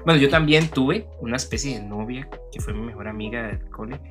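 Over music, a young man with a Costa Rican accent co-hosts a podcast, chatting casually about personal things in Spanish sprinkled with English words. His voice sits at medium pitch and moves a little fast.

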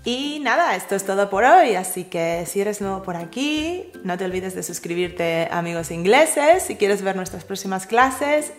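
Playful woman co-host in a roomy space. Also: mid-range voice. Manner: playful, chatty, teasing asides. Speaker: co-host of English lesson channel. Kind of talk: bilingual language lesson. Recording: roomy echo.

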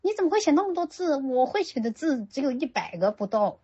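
A woman voicing an excited, chatty little girl while retelling a story, in a dull lo-fi recording. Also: sits high, a little fast, voice pushed up. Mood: amazed.

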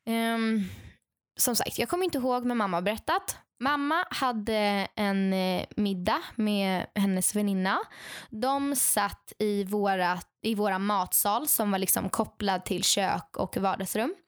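A young adult woman casually telling stories to a friend, lively and acting out what others said, with many fillers. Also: mid-range voice, dry recording, studio quality. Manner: animated, acts out quoted dialogue; frequent fillers and restarts. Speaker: podcast co-host telling stories. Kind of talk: casual storytelling chat.

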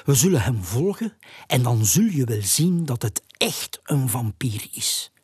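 A storyteller voicing an excitable male owl who is easily spooked, with a breathy, exclaiming, high and alarmed voice in a storybook. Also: a little slow, no echo, studio quality, full character voice. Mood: eager. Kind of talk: storybook character voice.

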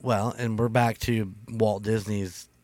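A podcast co-host in casual chat who makes playful jokes and sometimes stops to hunt for the right word. The voice sits at an ordinary middle pitch. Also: steady tone, takes it slowly, a little mellow. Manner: jokey, hesitant, searches for words.

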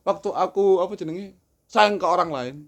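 A man's voice: sits high, normal speed. A young man, joking and laughing often in a casual podcast chat.

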